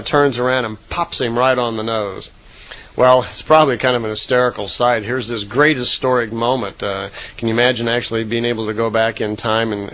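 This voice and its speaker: Man, radio guest, casual storyteller; rambling, frequent fillers and self-corrections, middle-pitched everyday voice. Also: fairly bright tone, low-quality recording.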